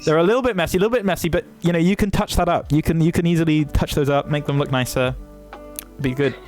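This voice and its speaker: A man's voice: fairly high pitch, fast, darkish tone, soft background music. A young man, streaming from his desk and chatting casually, swearing freely and interrupting himself. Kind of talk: casual livestream chat.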